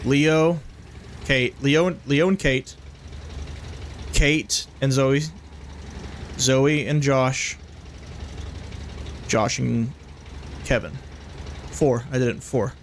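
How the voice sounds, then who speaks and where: A man's voice: mid-range voice, steady tone, drawn-out words, long pauses. Chatty young male streamer over game noise. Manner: chatty, rambling, jokey. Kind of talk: casual live gameplay commentary.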